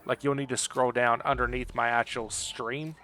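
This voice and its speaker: Gaming on a live stream, a man keeps up a rambling, joking, apologetic chat with viewers. His voice is medium-pitched and sharp, with little pitch movement and a normal speed, and background noise can be clearly heard.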